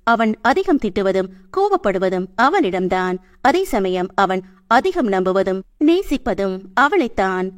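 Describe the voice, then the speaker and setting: A woman narrating a romance novel aloud as an audiobook, reading in an expressive storytelling manner. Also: mid-range voice, a little slow.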